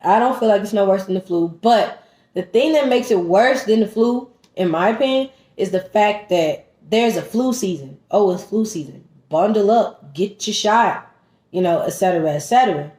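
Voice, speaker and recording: A woman vlogger chats casually at a table at home, telling a story to her viewers. She talks straight to them, animated and emphatic, at a middling pitch. The room is bare enough that her voice bounces with a roomy echo. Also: moderate pace.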